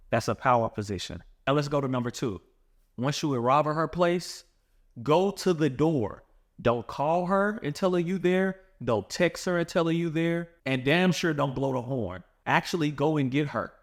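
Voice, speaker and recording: A man coaching other men on dating in a blunt, slangy monologue, calling the listener "bro". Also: medium pitch. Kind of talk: direct-to-camera advice monologue.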